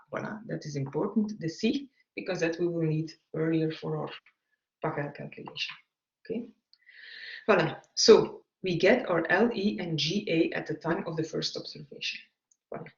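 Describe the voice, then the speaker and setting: Guy teaching a navigation class, halting, lots of fillers, gravelly voice, echoey dull recording. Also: a little high. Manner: halting, frequent "voilà" fillers. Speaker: navigation lecturer. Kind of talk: recorded lecture. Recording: echoey room, dull lo-fi sound.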